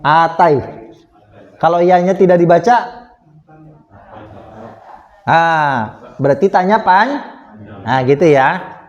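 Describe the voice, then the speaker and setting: A man's voice: a little high, highs cut off. A man with an Indonesian accent teaching Arabic grammar to a class, asking questions and answering them patiently. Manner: slow, patient, asks and answers his own questions. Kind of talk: classroom lesson with questions to students. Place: small prayer room.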